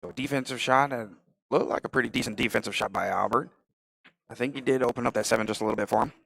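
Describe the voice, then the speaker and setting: A man's voice: medium pitch, quick pace, gravelly, a bit bright, rough recording. A man giving casual live play-by-play of a pool match, thinking aloud about shot choices. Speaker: pool commentator.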